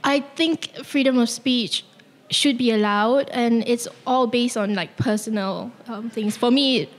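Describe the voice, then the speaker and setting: A woman's voice: a little high, unhurried, in a large hall. A young woman from Malaysia, a student, answering street questions earnestly and with some hesitation. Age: young adult. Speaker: student interviewee. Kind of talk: casual vox-pop answers.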